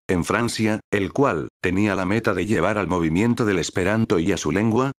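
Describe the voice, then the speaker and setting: A male text-to-speech voice reading a scripted educational narration in an even, synthetic cadence. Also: on the low side, no echo, studio quality.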